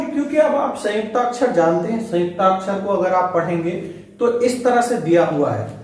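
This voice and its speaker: A man's voice: high voice, darkish tone. A man teaching a Hindi grammar lesson to students, explaining step by step and speaking to them directly. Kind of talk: online exam-prep lesson. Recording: very echoey room, voice slightly far from mic.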